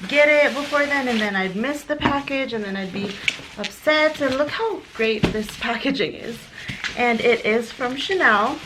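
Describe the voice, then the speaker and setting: A woman filming an excited unboxing vlog at home, gushing and a little out of breath, dropping now and then to a soft whisper. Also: on the high side, normal speed. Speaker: vlogger. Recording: audible background noise.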